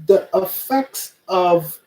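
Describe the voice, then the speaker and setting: A man's voice: high voice, lively intonation, extremely slow, warm tone, faint music behind, rough recording. A Trinidadian man from Trinidad and Tobago, a musician explaining things in a rambling casual livestream, often checking in with listeners.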